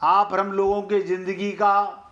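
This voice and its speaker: Slow, high-voiced man explaining scripture. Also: level tone, fairly bright tone, highs cut off. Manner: slow, earnest, addresses listeners directly; chants couplets slowly. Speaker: spiritual teacher.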